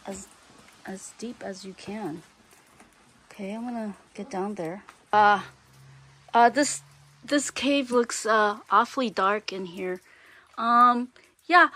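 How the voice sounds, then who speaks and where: A middle-aged woman narrating a casual travel vlog outdoors, chatty and hesitant with many ums, recorded on a handheld camera. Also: a little high. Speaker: travel vlogger. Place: outdoors in a rainforest and inside a lava cave.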